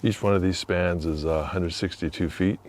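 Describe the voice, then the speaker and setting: A man vlogging as he walks outdoors beside a river under an old bridge, musing quietly and thinking aloud with fillers. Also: deep voice, steady tone, normal speed, a little hiss or hum. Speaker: vlogger exploring historic sites. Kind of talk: casual walking narration.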